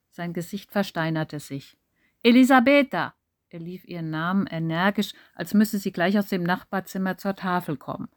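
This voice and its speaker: Measured woman audiobook narrator. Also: lowish voice, a little mellow, no echo, studio quality.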